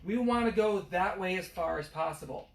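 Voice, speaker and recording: A man's voice: high voice, moderate pace, gravelly. A man in his thirties, a physical therapist who is losing his voice, explaining running form in a casual talk with many fillers while standing on a treadmill. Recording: echoey room with faint background noise.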